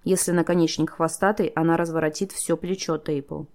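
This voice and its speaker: A woman narrating an audiobook in a steady storytelling manner, voicing the characters herself. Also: low-pitched, brisk. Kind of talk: scripted narration.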